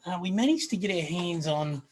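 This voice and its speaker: A man's voice: high-pitched, lively intonation, fairly quick, a little hiss or hum. An Australian man co-hosting a barbecue live show, telling rambling stories in casual chat with plenty of filler words.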